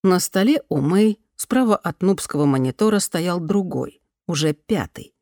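Woman reading an audiobook, lowish voice, calm, super dry close mic. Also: normal speed, dry recording. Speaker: audiobook narrator. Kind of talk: scripted narration.

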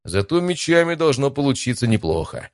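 A man's voice: mid-range voice, sing-song, fairly quick, no echo, clean studio sound, pitched above the performer's own voice, close to an everyday voice. A man voicing a mild, laid-back young male adventurer in an audiobook. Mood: easygoing. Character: good-natured easygoing young male adventurer. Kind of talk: audiobook character voice.

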